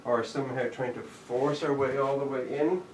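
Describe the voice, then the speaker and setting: In an echoey room with faint background noise and a far-off mic, a man teaches jujitsu online live. He explains each move as he performs it and calls out the steps, his mid-range voice steady and at normal speed.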